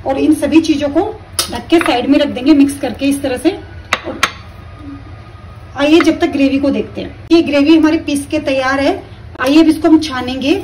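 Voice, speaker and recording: A woman calmly explaining each step of a recipe while she cooks at her stove at home. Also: sits high, normal speed, far from the mic, a little hiss or hum, low-quality recording. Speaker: home cooking teacher. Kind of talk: step-by-step cooking instruction.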